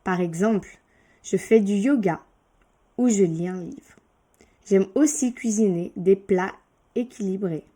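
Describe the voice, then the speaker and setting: A woman with a mellow, warm voice reads a short beginner text for language learners. She takes each word carefully and articulates it clearly, stopping now and then for a quick explanation, like a teacher guiding a class. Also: medium pitch. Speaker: French teacher. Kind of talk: reading a beginner lesson text aloud, with asides.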